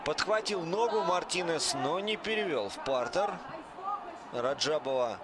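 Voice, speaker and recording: A man's voice: fairly high pitch, expressive, a little slow. A man calling a combat sports bout live like a wrestling commentator, in short clipped play-by-play phrases. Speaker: MMA fight commentator. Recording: noisy arena with loud crowd. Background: loud crowd and clear background noise.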